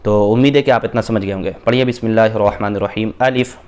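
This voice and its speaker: A man, teaching a beginners' Quran reading lesson, patiently explaining and repeating Arabic letters slowly and drawn out. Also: lowish voice, fairly even intonation, a little mellow, smooth.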